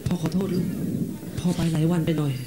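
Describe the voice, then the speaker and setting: A man playing a tired father in a Thai folk stage play, speaking softly and pleadingly to his child, with a harsh edge that can break through. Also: a little high, flat delivery, fairly quick, very noisy, close to an everyday voice. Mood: gentle. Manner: soft pleading that turns harsh. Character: weary grown father, tender but quick-tempered.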